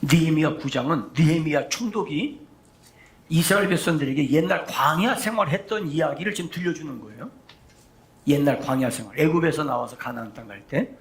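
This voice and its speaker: A male pastor preaching a sermon, telling stories with drama, dropping to a hush and rising to a shout, and putting questions to the congregation. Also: a little high, brisk. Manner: animated storytelling, swings from hushed to shouting.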